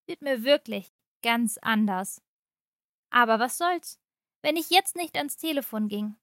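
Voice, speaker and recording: A woman narrating a short story aloud for a podcast, in a calm, measured read-aloud manner. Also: on the high side, no echo, clean studio sound. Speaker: story reader for an advent podcast.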